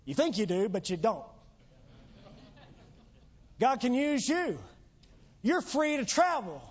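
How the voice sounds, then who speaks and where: In a church sanctuary, a pastor preaches a sermon while losing his voice, making earnest, emphatic exhortations. His very high voice swings widely in pitch and moves slowly, captured in a dull lo-fi church recording.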